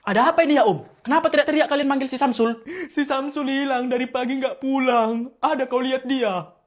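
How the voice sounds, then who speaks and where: Suara pria yang cukup tinggi, memerankan banyak tokoh dalam sketsa lucu. Gaya bicaranya keras, ribut, dan dilebih-lebihkan seperti adegan komedi. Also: male voice, very high-pitched, fairly even intonation, brisk. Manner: loud, bickering, exaggerated comic delivery. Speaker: comedy sketch creator. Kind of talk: comic sketch acting, many roles.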